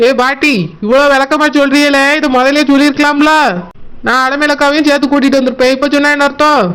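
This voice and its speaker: A woman voicing a cheeky young village woman who talks back quickly and teasingly, with a Kanyakumari Tamil accent. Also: high-pitched, flat delivery, fairly bright tone.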